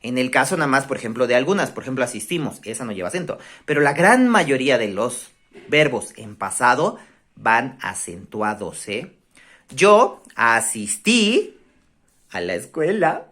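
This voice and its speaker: Lively, low-voiced Mexican woman teaching a class. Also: moderate pace. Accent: Mexican Spanish. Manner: animated, keeps checking in with the class. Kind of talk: online class lesson on grammar.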